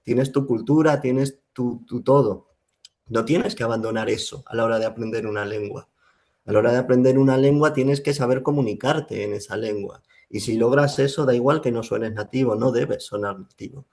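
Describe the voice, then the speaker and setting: Gravelly-voiced man. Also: medium pitch, moderate pace, a little mellow. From Spain. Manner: reflective, many fillers and restarts. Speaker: Spanish teacher, guest. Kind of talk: casual interview talk.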